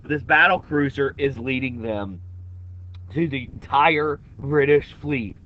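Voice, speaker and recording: A man's voice: medium pitch, slow. Male teacher, chatty classroom lecture, slightly muffled recording. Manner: conversational, addresses students directly. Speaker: history teacher.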